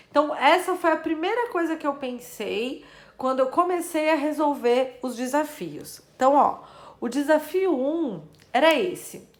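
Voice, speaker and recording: A woman teacher talking casually to her students, thinking aloud and counting syllables and letters as she works through math puzzles. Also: high-pitched. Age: adult. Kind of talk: casual video lesson explaining math puzzles.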